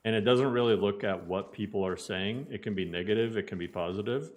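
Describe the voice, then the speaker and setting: A man's voice: lowish voice, brisk. A man from Bosnia chatting casually while streaming a game, playful and jokey, often mangling words on purpose for laughs. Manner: playful, jokey, mock mispronunciations. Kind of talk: casual gaming stream chat.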